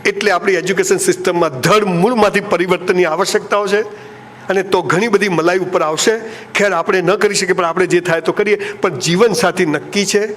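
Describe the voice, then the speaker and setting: A man with a Gujarati accent delivers a motivational talk to a live audience in a hall. His voice sits high, and his delivery is lively and joking. A faint background noise runs under the recording. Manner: animated, joking, acts out lovers' lines in playful voices. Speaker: motivational speaker.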